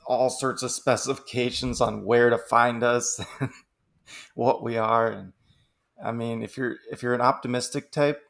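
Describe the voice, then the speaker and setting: A man's voice: medium pitch, steady tone, a little slow, creaky, a bit bright. A man co-hosting a podcast, chatting casually and musing aloud, often breaking into a laugh. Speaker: podcast co-host. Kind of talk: casual chat.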